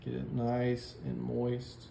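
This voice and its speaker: A man's voice: mid-range voice, monotone, takes it slowly, gravelly, dark tone, echoey room, a little hiss or hum. A man hosting a home cooking video, walking through each step in an easygoing, jokey, folksy way. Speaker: cooking show host. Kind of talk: casual cooking demonstration.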